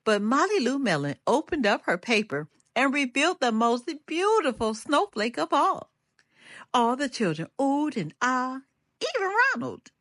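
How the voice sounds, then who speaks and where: An older woman tells a children's picture book story in a high-pitched voice, lively yet deliberate, lingering on the refrains. It's studio-quality audio with no room sound.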